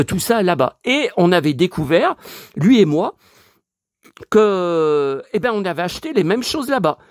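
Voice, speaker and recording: A collector vlogger in his fifties rambles casually to his viewers, hesitating and restarting often. His voice is high, and he sounds stuffy from a lingering cold and dry-mouthed. The studio sound is clean, with no echo.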